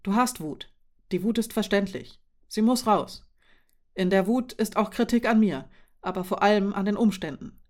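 Woman voicing a soft-spoken careful young man, calm, cautious, audiobook dialogue. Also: mid-range voice, normal speed, close to an everyday voice. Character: gentle careful young man, attentive partner.

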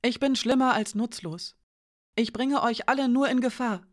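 A young woman weighed down by guilt, close to tears and pleading, as a woman reading a story puts her on. The voice sits noticeably higher than the narration and pushes forward with emotion. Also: normal speed, natural voice. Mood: tearful.

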